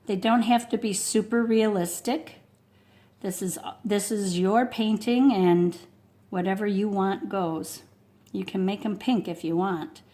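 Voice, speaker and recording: Chatty woman teaching watercolor. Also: mid-range voice. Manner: chatty, thinking aloud with many fillers. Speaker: art instructor. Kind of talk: casual painting tutorial. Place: home studio with a wood stove. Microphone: close mic. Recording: faint blower hum behind.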